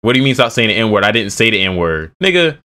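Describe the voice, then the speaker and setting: A man's voice: fairly low pitch, very animated, fast talker, pushed and bright. A man of twenty giving slangy, rambling, joking commentary as a streamer reacting to a video, talking into a headset at home. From Bay Area.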